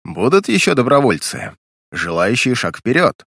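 A man's voice: mid-range voice, sing-song, moderate pace, gravelly, a bit bright, breathy edge, dry recording, clean studio sound, exaggerated voice. A man doing a mocking sadistic commander. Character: cruel, power-drunk male commander.

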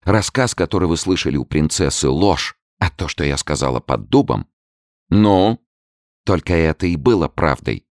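A man's voice: a bass voice, lively intonation, normal speed, no echo, studio quality. A man reading the part of a desperate young woman who pleads fervently and tearfully with a king, in an audiobook. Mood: pleading desperate.

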